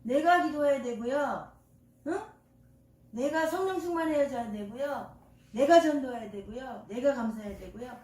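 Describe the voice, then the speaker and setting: A woman's voice: high-pitched, moderate pace, a little mellow, recorded from a distance. Grandmother pastor preaching in an echoey church. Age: older. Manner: call-and-response, quizzing the congregation; folksy, homely examples. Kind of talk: sermon. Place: church sanctuary.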